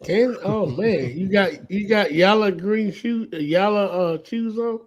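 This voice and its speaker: A high-voiced man hosting a casual talk stream. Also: a little slow. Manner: casual, joking, Southern country speech. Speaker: show host. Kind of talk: casual livestream chat.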